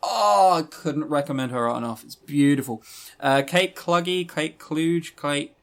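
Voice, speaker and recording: With a fairly high, fairly bright voice and an unhurried pace, a male podcaster rambles casually through reviews of visual novels. He's wry and self-deprecating, swears freely and leans hard on key words.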